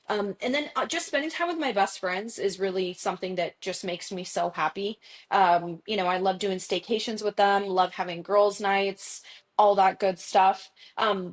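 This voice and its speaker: A woman in her thirties talking as an interview guest in a casual, chatty, self-deprecating way, with frequent fillers. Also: mid-range voice. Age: 30s. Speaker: guest executive.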